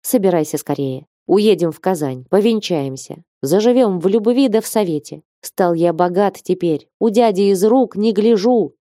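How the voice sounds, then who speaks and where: A woman's voice: medium pitch, normal speed, hardly any pauses, mellow, dry recording, clean studio sound, lightly acted. A woman reading an audiobook and voicing a passionate young man in love, who urges and insists.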